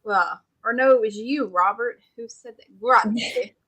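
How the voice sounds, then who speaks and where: A woman chats in a casual team meeting, joking around and laughing easily. Her voice is bright and sits a little high. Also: normal speed, low-quality recording. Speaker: team member.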